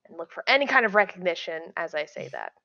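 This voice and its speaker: A woman player in a tabletop game, soft-spoken, often close to a mutter. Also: lowish voice, lively intonation, fast, gravelly. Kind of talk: casual tabletop play. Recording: dull dry mic.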